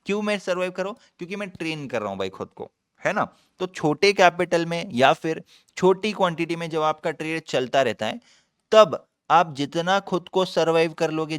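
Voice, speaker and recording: Emphatic young man with a smooth voice. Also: on the high side, dry recording, clean studio sound. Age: young adult. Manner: emphatic, repetitive, calls the viewer brother. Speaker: trader and channel host. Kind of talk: live trading commentary.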